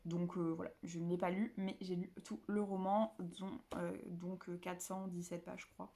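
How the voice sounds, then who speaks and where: A woman's voice: on the low side, level tone, normal speed, dark tone. A woman from the south of France chatting casually to camera about her books at home, rambling with many fillers and restarts. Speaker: book vlogger.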